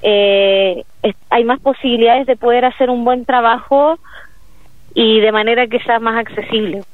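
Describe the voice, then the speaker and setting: This is a woman with a Chilean accent, a solo musician guesting on a casual call-in interview about her project. Her pitch is fairly high, her tone steady and her pace moderate, though she often hesitates with fillers and restarts. The recording is dry, with a tinny phone-like quality.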